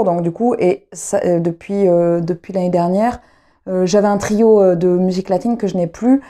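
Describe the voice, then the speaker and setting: Woman vlogger, low voice, mellow tone, rambling casual chat, lots of fillers. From France. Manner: rambling, many fillers and restarts. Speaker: knitting vlogger and trumpet player.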